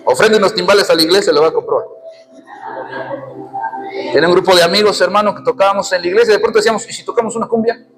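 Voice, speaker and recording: A Mexican pastor with a Mexican accent delivers a fiery, joking sermon in a high, bright register, calling out to his congregation again and again. Music plays steadily behind him in the church. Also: fast talker, pauses often, poor audio. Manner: fiery, humorous preaching, addresses congregation as hermano.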